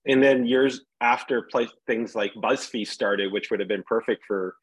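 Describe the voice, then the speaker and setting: A man hosting a business interview show, friendly and quick, often restarting his questions. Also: medium pitch, breathy edge, poor audio. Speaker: podcast host. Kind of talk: casual interview.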